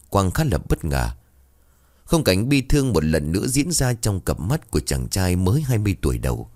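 A man's voice: fairly low pitch, a little mellow. A man narrating a ghost story in a dramatic, suspenseful way.

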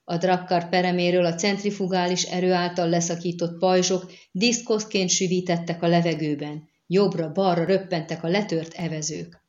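A woman narrates a fantasy novel in a measured storytelling manner with a low voice. The recording sounds dull and lo-fi, with the top end missing. It is a steady audiobook reading.

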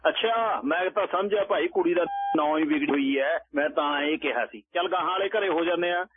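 A man's voice: a little high, brisk, lightly acted. Man putting on a brash drunken old holy man. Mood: cheeky. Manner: bold, mocking, shouting insults. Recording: tinny phone-like radio line.

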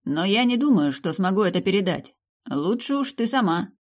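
A woman's voice: mid-range voice, sing-song, moderate pace, pitched above the performer's own voice. A woman reading the lines of a young male royal servant who is courteous and stumbles over formal and informal address. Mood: polite, formal. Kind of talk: audiobook character reading.

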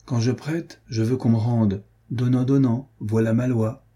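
A man voicing a cunning baron who bargains coolly, measured and calculating, in a storybook reading. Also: mid-range voice, fairly even intonation, mellow, breathy edge. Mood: scheming.

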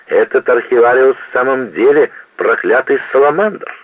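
A man's voice: mid-range voice, expressive, moderate pace, no echo, phone-quality sound, pitched above the performer's own voice, natural voice. A man doing a blustering, tipsy official. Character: boisterous, combative male official.

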